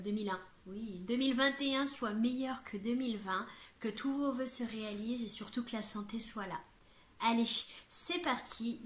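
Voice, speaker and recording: A young woman chatting casually to her viewers in a bubbly, chatty way, with lots of fillers and laughs. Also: a little high. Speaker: vlogger. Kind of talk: casual chat. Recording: echoey room.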